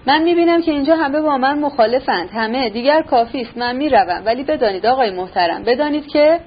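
A woman voicing an old retired general, proud and raging, who shouts indignantly. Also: high voice, expressive, voice pushed up. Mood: furious. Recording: slightly dull recording, faint hiss.

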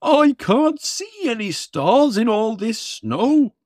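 A man voicing a jolly, booming old Santa Claus in a bedtime story. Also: big pitch swings, takes it slowly, darkish tone, dry recording, clean studio sound, exaggerated voice. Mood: blustering. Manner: booming, hearty.

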